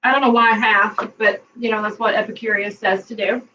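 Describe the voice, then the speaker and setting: A chatty woman talks through a recipe in her home kitchen, rambling and full of fillers. Her voice sits a little high. She stands back from the mic, and the sound is slightly dull and lo-fi, with faint noise behind her. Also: fairly even intonation, fairly quick, sharp tone, far from the mic. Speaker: cooking vlogger. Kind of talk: casual cooking demo.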